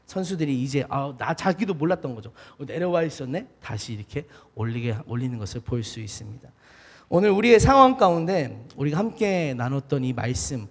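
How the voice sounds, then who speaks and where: Lively Korean man preaching. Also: a little high. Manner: earnest preaching, shouting exhortations, fillers like "eo". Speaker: evangelist preaching a midweek service. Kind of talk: sermon. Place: church sanctuary.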